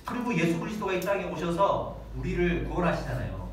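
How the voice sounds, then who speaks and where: A man's voice: a little high, very animated, a little fast. A male pastor in his thirties preaching a Sunday sermon, dramatically acting out prayers and children's voices. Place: church hall, large and echoey. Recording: very echoey hall, distant mic, faint noise.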